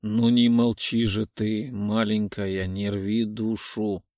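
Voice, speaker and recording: A man's voice: fairly low pitch, level tone, takes it slowly, darkish tone, dry recording, clean studio sound. A man voicing an earnest, devoted young lover. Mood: pleading. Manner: earnest, pleading. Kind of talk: audiobook character voicing.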